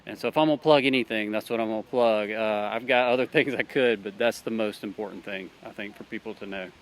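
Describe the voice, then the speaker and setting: A man's voice: fairly low pitch, fast, a little hiss or hum. Earnest Southern man from Alabama. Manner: earnest, many fillers and restarts. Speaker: interviewee, church worker. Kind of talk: casual street interview.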